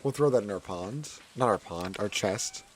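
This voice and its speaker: Playing a farming game, a hoarse streamer with a fairly low voice chats loosely, often repeating his own phrases, and his voice cracks at times. His intonation is lively and his speed normal. There's faint background noise under his speech.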